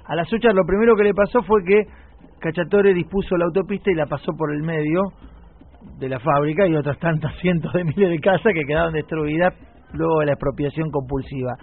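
A middle-aged man with a Rioplatense Spanish accent talks casually as a radio host, reminiscing and telling stories at an easy pace. His voice sits fairly high for a man. The sound is thin and phone-like, as if heard over a broadcast. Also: fairly quick. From Buenos Aires, Argentina. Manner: conversational storyteller, reminiscing.

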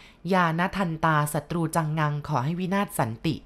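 A woman voicing a stern old grandfather who chants a protective prayer slowly and solemnly. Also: deep voice.

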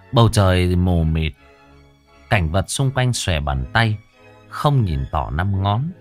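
A man tells a ghost story in a low voice. His delivery is dramatic, and his pitch rises and falls a lot. The sound is dry, with faint music behind him. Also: no echo.

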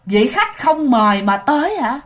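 A woman's voice: high-pitched, very animated, measured pace. A woman voicing a threatening female ghost, a mother spirit taunting an intruder, with a Southern Vietnamese accent. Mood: menacing. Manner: threatening, cackling.

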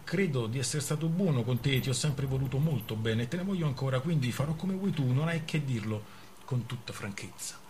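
A man's voice: mid-range voice, lively intonation, a little fast, a little mellow, a little hiss or hum, natural voice. A man playing a tender, lovesick shoemaker. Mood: earnest. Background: music.

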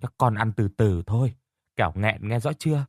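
A man's voice: fairly low pitch, normal speed, a little mellow, no echo, lightly acted. A man voicing a poor, grieving mother who coaxes her children and wails tearfully, recorded close and dry. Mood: coaxing. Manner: wailing, coaxing and tearful.

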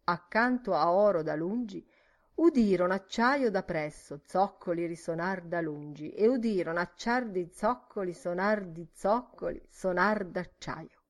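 A woman narrating a literary audiobook in a measured, rhythmic reading. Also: lowish voice.

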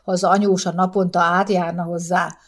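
A woman voicing a calm older husband who teases his wife dryly and tries to placate her. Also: on the low side, natural voice. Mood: teasing. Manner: mild, dryly teasing, placating. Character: calm, teasing older husband doing a crossword.

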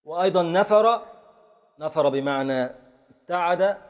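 Students' questions get answered as a man slowly explains classical Arabic grammar in a classroom lecture, repeating word forms along the way. His voice is a little high.

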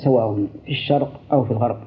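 Older man giving measured radio fatwas. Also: medium pitch, slight background noise. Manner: measured, deliberate, with restarts. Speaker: Islamic scholar answering listener questions. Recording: tinny, lo-fi radio broadcast.

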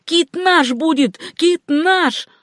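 A reader voicing a reckless male whaler who shouts urgent commands in a high, strained voice, dry close recording. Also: slow pace, no echo, exaggerated voice. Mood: shouting eager.

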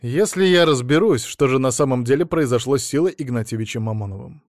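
A man's voice: medium pitch, fast talker, no room sound, studio quality, lightly acted. A man voicing a weary middle-aged male detective who speaks in a bitter, sardonic way in an audiobook. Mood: resolved.

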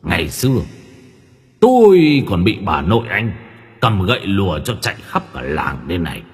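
A man's voice: deep voice, sing-song, normal speed, in a large hall. A man voicing the irritable ghost of an old grandfather who grumbles and curses. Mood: scolding. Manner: grumbling, cursing, scolding. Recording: faint background music.

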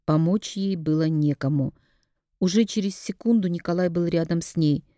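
A woman's voice: on the low side, moderate pace, mellow, dry recording, clean studio sound. Woman reading a novel aloud. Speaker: audiobook narrator. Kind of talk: scripted narration.

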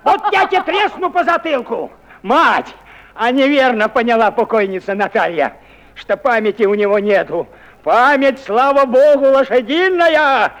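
An actor playing a stern, irritable old grandfather in a radio drama, scolding and drilling a boy on the alphabet with gruff name-calling. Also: very high-pitched, lively intonation, normal speed, fairly bright tone, highs cut off, heavily acted. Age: older. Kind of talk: 1950s-60s radio drama acting.

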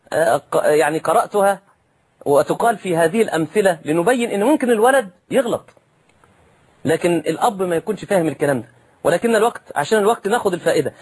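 A man preaching a sermon in an Egyptian accent, lively and direct, calling his listeners brothers and slipping in jokes. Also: high voice, slightly rough. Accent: Egyptian Arabic.

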